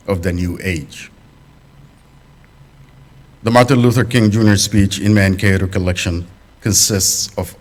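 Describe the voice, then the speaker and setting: A man with a deep, low voice addresses a congregation as a guest speaker. He talks in an unhurried way, pausing on fillers and restarting phrases. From Sudanese family, raised in the UAE. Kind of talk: talk at a congregation. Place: fellowship hall.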